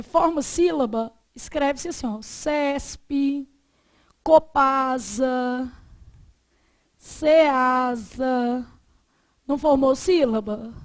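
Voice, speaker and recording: A woman's voice: high-pitched, creaky, darkish tone. A woman Portuguese teacher, giving a frank classroom grammar lecture. She leaves sentences open with "o quê?" for students to finish and checks in with "beleza?".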